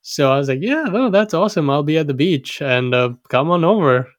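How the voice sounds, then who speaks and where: A man's voice: fairly high pitch, lively intonation, fairly quick, no room sound. Dry, close young man from Sri Lanka. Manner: chatty, with frequent restarts and laughs. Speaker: guest storyteller. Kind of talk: casual personal storytelling.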